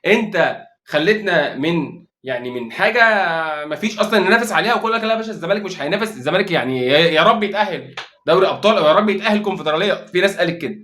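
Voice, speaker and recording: A man with an Egyptian Arabic accent delivers excitable, casual football commentary as a fan vlogger, repeating phrases for emphasis. His voice sits high and he talks at a racing pace.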